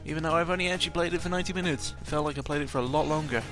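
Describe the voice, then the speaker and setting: Rapid-fire and fairly high-pitched, a man rambles through a jokey audio log about video games, interrupting himself with over-the-top emphasis. He's a video game vlogger, and clear game music runs behind his voice.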